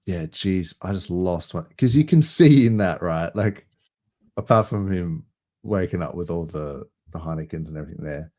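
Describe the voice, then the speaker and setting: A man hosting a casual crypto livestream, relaxed and rambling, laughing easily. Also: low-pitched, normal speed. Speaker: host.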